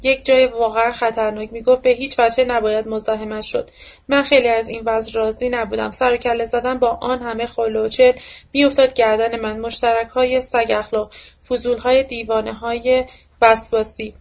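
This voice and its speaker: A woman reads a novel aloud in a steady, even manner. Her voice sits somewhat high but barely moves in pitch. The recording sounds dull and lo-fi. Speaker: audiobook reader. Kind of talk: novel narration.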